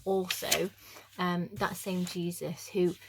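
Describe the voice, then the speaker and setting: A woman's voice: on the low side, flat delivery, slow, vocal fry, noisy background. A young woman giving a casual, jokey youth devotional talk, chatty and self-deprecating with lots of fillers. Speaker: youth speaker.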